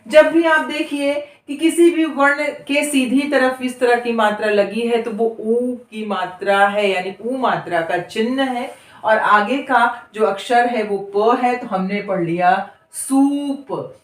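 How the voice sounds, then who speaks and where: Woman teacher stretching out words real slow, sounds a bit far off the mic. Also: fairly high pitch, echoey room. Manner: stretches long vowels, repeating each word several times. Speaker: Hindi reading teacher. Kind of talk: slow, drawn-out spelling lesson for beginners.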